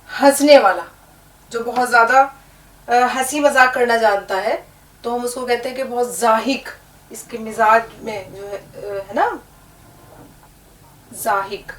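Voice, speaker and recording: Woman, language teacher, high-pitched, patient letter-by-letter explaining, echoey room. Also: steady tone, slow, pauses often. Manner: patient, spells out letters one by one. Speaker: Urdu teacher. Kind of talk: language lesson. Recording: echoey room, distant mic.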